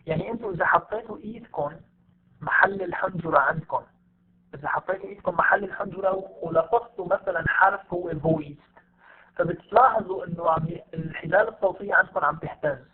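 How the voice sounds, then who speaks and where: A man with a Levantine Arabic accent teaching an English lesson, patiently repeating example words slowly for his students. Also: sits high. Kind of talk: online lesson. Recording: tinny phone-like audio.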